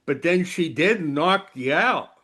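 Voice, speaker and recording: A man hosting a podcast, asking relaxed questions in a casual interview. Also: fairly high pitch, takes it slowly. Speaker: podcast host.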